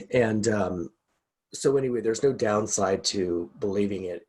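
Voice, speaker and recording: A man's voice: lowish voice, gravelly, a little mellow, slightly rough. A man, a guest executive coach, chatting casually over a video call from his home, rambling and laughing often.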